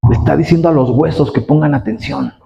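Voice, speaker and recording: A man delivers a fiery sermon in a fairly high voice. He swings from loud, pressing exhortation down to hushed, low storytelling, and keeps firing rhetorical questions at his listeners. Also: quick pace, vocal fry, in a large hall, muffled recording. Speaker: pastor.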